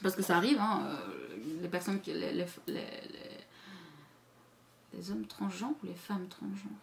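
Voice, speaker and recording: A woman's voice: on the low side, lively intonation, measured pace, gravelly, a little hiss or hum. Candid, crude-talking woman vlogger. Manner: chatty, candid and crude, with many restarts; playful, jumping between loud and mumbled asides. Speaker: YouTuber. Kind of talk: casual vlog chat to camera.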